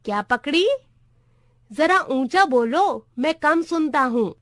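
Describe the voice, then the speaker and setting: A woman's voice: high voice, lively intonation, slow, a bit bright, no echo, studio quality, heavily acted. A woman voicing a hard-of-hearing old male office clerk who keeps getting things wrong in a storybook reading. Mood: muddled. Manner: confused, repeats things wrong.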